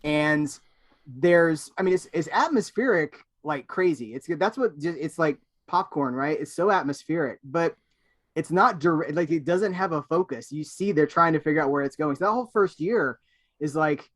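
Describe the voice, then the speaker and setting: Male guest on a chat podcast, casual and animated, acts out quotes mid-sentence. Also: fairly high pitch, moderate pace.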